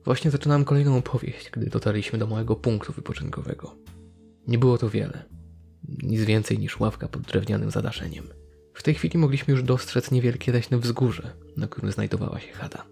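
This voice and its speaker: A man narrating a first-person horror story in a measured, steady way. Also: medium pitch, gravelly, soft background music.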